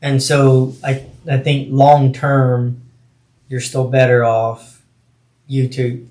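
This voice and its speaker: A man's voice: mid-range voice, completely flat delivery, takes it slowly, a little mellow. A man chatting casually as a guest on a podcast, recorded with a roomy echo. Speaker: podcast guest, video creator. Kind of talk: casual chat.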